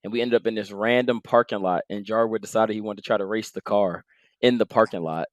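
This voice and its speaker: A young man co-hosting a podcast, chatting casually in a teasing, slangy, animated way. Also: on the low side, fairly quick, no room sound, studio quality. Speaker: podcast co-host. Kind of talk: casual chat.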